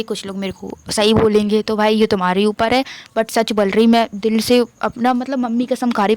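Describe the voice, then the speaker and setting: A young woman with a slight lisp, excitedly telling a story to her vlog camera in a chatty, animated way. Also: fairly high pitch. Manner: excited, chatty, quotes her mom in lively voices. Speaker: vlogger.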